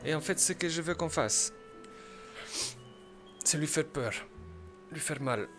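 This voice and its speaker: A man role-playing a mafia boss in a game, giving calm, commanding orders and laying out plans step by step with a put-on Italian accent. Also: a little high, slow, soft background music. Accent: fake Italian accent. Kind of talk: in-character game role-play.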